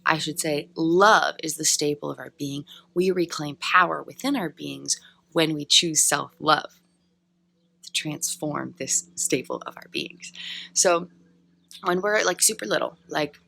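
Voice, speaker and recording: A young woman vlogging a casual, enthusiastic self-help talk, playful and quick to laugh. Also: deep voice, creaky, bright, forceful tone. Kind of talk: casual motivational monologue.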